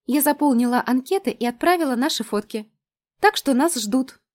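A woman reading an audiobook who voices a bubbly, lovestruck young woman, pitched high and gushing. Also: expressive, moderate pace. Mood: pleading. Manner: gushing, high and breathy when swooning.

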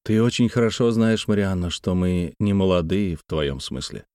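A man voicing a shy, embarrassed young man in a story, giving quiet, hesitant replies. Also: low voice, animated, moderate pace, smooth, dry recording, studio quality.

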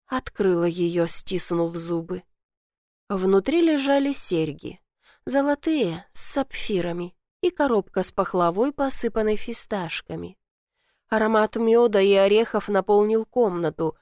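A woman narrating a first-person novel in measured audiobook style. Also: mid-range voice, a little mellow, dry recording, clean studio sound.

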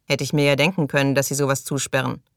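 A woman reading the lines of a coarse, sneering man in an audiobook, scornful and crude, her voice low and the sound dry. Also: little pitch movement, fast talker, no room sound. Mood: mocking.

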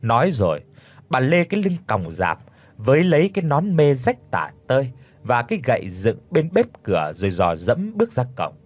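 A man reading a dramatic story aloud as an audiobook narrator, expressive throughout. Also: mid-range voice, normal speed.

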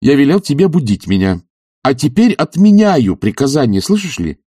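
A man voicing a drowsy, irritable young gentleman who grumbles sleepily and flares into indignant shouts, in an audiobook. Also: a little high, sing-song, moderate pace, slightly rough, no room sound, clean studio sound, pitched above the performer's own voice, heavily acted. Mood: haughty.

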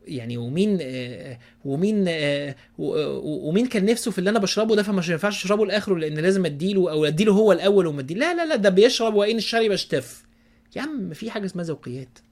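A man with an Egyptian accent preaches in an easygoing, folksy way and keeps checking in with his listeners. His voice sits a little high, and his words tumble out fast, with many restarts. At times he sinks to a soft, hushed tone. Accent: Egyptian Arabic. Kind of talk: casual religious advice talk.

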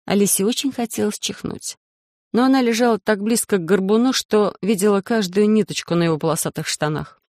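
Measured audiobook narrator, dry and close. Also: medium pitch, no room sound. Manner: steady, measured storytelling. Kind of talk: scripted narration.

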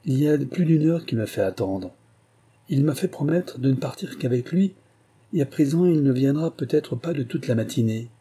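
A man voicing an impatient, fussy gentleman of fashion in a read novel. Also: medium pitch, animated, normal speed, pitched above the performer's own voice, close to an everyday voice.

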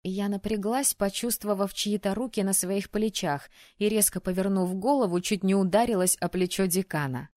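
A woman reading first-person narration of an audiobook in a lively, expressive storytelling manner, close to the mic. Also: medium pitch, normal speed, hardly any pauses, dry recording.

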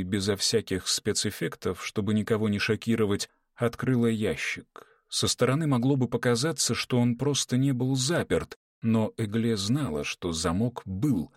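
Guy reading an audiobook, lowish voice, dry close sound, steady dramatic telling. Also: dry recording. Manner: measured, dramatic reading, voices characters in dialogue. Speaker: audiobook narrator. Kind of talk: scripted narration with character voices.

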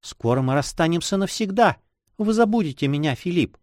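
A man's voice: fairly high pitch, animated, brisk, darkish tone, no echo, clean studio sound, natural voice. A man reading a timid, sad sixteen-year-old girl in an audiobook, with a sorrowful, trembling manner.

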